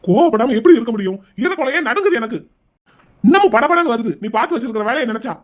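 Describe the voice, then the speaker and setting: A man's voice: very high-pitched, lively intonation, rapid-fire. A man voicing an agitated, protective older brother in a Tamil cartoon, scolding his younger sister. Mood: angry. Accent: Tamil Nadu Tamil. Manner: anxious, scolding, heated. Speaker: cartoon character.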